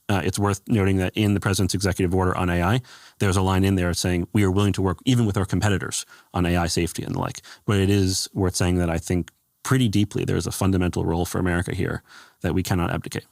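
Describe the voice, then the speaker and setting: Man, very low gravelly voice, dry booth sound; measured policy guest who pauses on fillers. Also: a little mellow, dry recording. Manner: measured, thoughtful, with frequent fillers. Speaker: guest, former government AI adviser. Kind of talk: interview answers.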